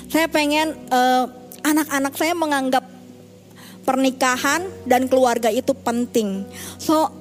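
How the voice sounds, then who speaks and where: High-voiced woman pastor preaching over music. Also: measured pace. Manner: candid and conversational, mixing English phrases. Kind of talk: sermon.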